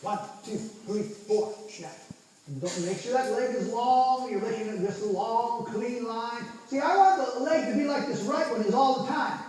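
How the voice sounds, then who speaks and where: Guy with a really high voice coaching a rider, calling stuff out way off in a big echoey barn. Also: moderate pace, a little mellow. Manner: calling out short encouraging instructions and counts. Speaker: riding instructor. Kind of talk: live coaching during a horse riding lesson. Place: large indoor riding arena. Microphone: distant camera at the arena edge. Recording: echoey hall from far off, faint noise.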